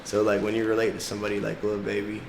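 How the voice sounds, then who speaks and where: Rapid-fire, creaky and completely flat, a low-pitched young man from South Florida in the United States answers questions as a music artist in a casual interview. Portuguese is his first language, and his manner is laid-back and slangy with lots of laughter. The recording has echo and background noise.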